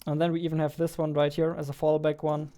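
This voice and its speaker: A man in his twenties, seated at a computer desk indoors, talks casually through a coding livestream or devlog as a game developer, halting while he types and reading text aloud slowly. His voice is fairly high, monotone, and warm, captured close on a studio mic mounted on a boom arm.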